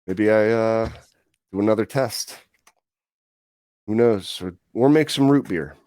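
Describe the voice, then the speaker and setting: A man's voice: fairly low pitch, measured pace, darkish tone, dry recording, clean studio sound. Rambling, joking male podcast co-host. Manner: joking, rambling, many fillers and restarts. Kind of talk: casual chat.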